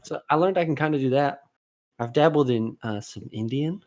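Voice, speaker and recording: A young man co-hosting a podcast in casual chat, talking in rambling, animated bursts full of restarts. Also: medium pitch, moderate pace. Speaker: podcast co-host.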